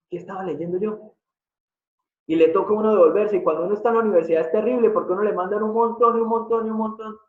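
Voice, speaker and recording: A man delivers an online lecture in a fairly high voice, walking through examples and constantly asking his audience what they think. His voice comes through thin and phone-like. The room around him rings with echo. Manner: explanatory, keeps asking the audience questions. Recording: tinny phone-like sound in an echoey room.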